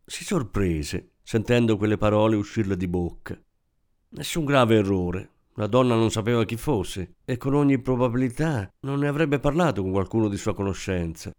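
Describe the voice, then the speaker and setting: A man reads a novel aloud as a scripted audiobook, telling the story expressively. His voice sits low, and his pitch moves freely across a wide range. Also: expressive, moderate pace, darkish tone. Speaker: narrator.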